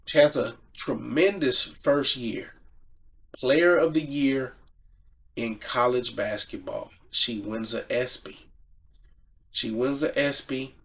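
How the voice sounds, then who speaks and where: A man talks through a sports story in a casual commentary style, his voice at an ordinary middle pitch. He leans hard on each point and says key phrases twice for stress. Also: takes it slowly, a bit bright. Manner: emphatic, repeats phrases for stress.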